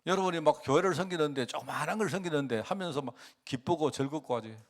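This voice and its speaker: A man preaching a sermon as pastor, talking conversationally and often asking the congregation questions, with lively swings in pitch and loudness. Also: fast.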